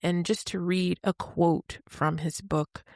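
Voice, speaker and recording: A woman's voice: lowish voice, fairly even intonation, takes it slowly, creaky, darkish tone, dry recording, studio quality. A woman hosting a solo advice podcast, talking candidly and conversationally with a touch of sarcasm. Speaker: podcast host and coach.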